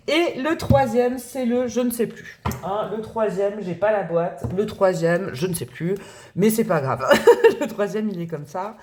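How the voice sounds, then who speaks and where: A woman's voice: medium pitch, a little mellow. Woman tarot host, casual and rambling, self-mocking; everyday speaking voice. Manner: chatty and rambling, laughs at herself. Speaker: tarot reader and channel host. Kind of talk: casual tarot reading to camera.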